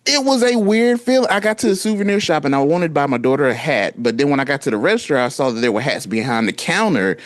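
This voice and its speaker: Animated storytelling man, dry sound. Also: a little high, quick pace, few pauses, no echo. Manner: animated storytelling, acts out quotes. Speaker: podcast co-host. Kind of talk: casual chat.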